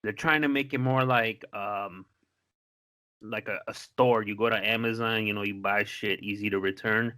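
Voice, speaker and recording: A man's voice: on the low side, steady tone, moderate pace, pushed and bright. A married man co-hosting a podcast, telling a story in loose, profane casual chat with lots of fillers and restarts. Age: adult, married. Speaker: podcast co-host.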